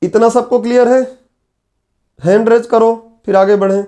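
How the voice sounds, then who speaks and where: With a steady, warm tone and a normal pace, a middle-aged teacher gives a whiteboard lecture, his notably high voice roughened by a sore throat. He covers each point in turn, posing questions to the class and supplying the answers himself.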